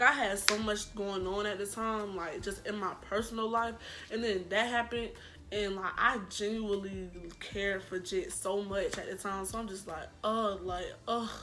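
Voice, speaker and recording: A young woman vlogger telling a personal story in a casual, slangy, dramatic way. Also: mid-range voice. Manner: animated, slangy, dramatic retelling.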